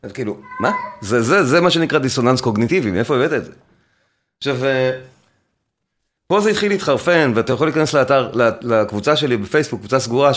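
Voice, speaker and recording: A man hosting a music discussion panel over a call, arguing insistently and fending off interruptions. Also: mid-range voice. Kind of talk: heated casual debate.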